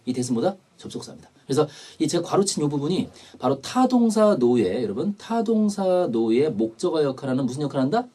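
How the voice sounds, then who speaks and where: A man's voice: a little high, very animated, fairly quick, few pauses, mellow, breathy edge. A man teaching an English test prep lecture, explaining grammar and repeating key terms.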